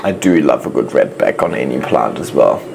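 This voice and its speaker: A man hosting a casual reaction video, chatting warmly and reading viewers' messages aloud as he gushes over their plants. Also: very deep voice, animated, normal speed, creaky, background noise.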